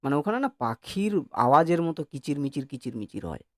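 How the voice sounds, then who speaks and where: A man's voice: medium pitch, sing-song, quick pace, no echo. Guy teaching a class, keeps nudging students to answer, repeats sounds to show them, dry mic. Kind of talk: classroom lecture.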